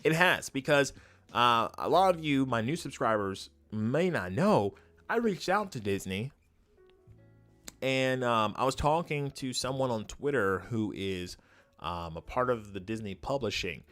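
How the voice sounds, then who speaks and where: A man's voice: medium pitch, animated, unhurried, fairly bright tone, faint music behind. A man giving casual, opinionated livestream commentary as a host, speaking emphatically and often repeating his phrases for weight. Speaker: YouTube host and streamer.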